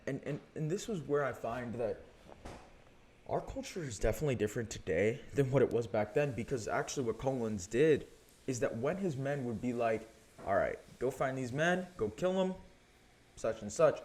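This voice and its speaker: A young man with an American accent talks through history like he's chatting with friends. His pitch sits in an ordinary middle range but swings about a lot as he tells the story. He leans on fillers and keeps it loose and conversational. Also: darkish tone, slightly rough. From United States. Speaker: history podcast host. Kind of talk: casual history talk.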